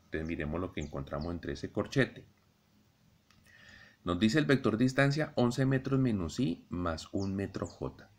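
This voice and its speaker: A middle-aged Colombian man teaching a physics lesson, explaining slowly and deliberately to his students. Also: low voice. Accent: Colombian Spanish. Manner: slow, deliberate explaining, addresses students directly. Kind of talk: recorded classroom lesson.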